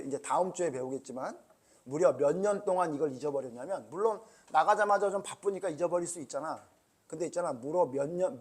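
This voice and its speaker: A man's voice: fairly high pitch, slightly rough. A man preaching a children's Sunday school sermon, talking casually and asking the children lots of questions. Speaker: pastor.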